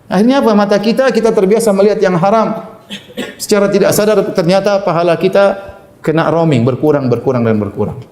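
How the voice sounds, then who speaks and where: A man's voice: high voice, fast, darkish tone. Man, preacher, Ramadan sermon, Arabic quotes with translation, humorous asides, roomy echo. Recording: echoey room.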